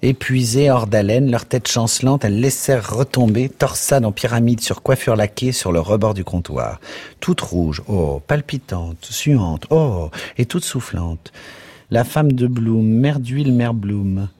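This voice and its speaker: A man narrating a literary text in an expressive, rhythmic reading that lingers over words. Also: medium pitch, unhurried, slightly rough, no room sound. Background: soft music.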